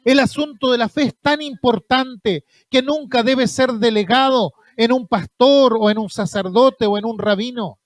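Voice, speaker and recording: A man preaching a sermon, questioning the listener directly and slowing and softening when he quotes prayers. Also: very high voice, no room sound. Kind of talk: recorded sermon.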